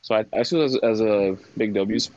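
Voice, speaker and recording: A young man chatting casually and haltingly, peppering his sentences with filler words, on slightly dull audio. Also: fairly low pitch, a little mellow, a little hiss or hum. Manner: halting, full of "like". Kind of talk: casual chat.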